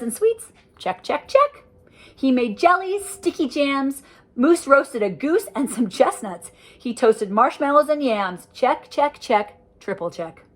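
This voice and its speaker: Here a senior woman reads rhyming verse from a picture book to young listeners, her delivery animated and sing-song, with friendly asides about what's drawn on the page. She sounds a little high.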